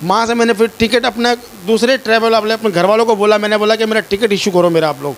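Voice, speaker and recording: A Pakistani man talks fast to a reporter about his ordeal in a high, fairly bright voice, with slight background noise in the clip. He pleads in distress and keeps repeating himself.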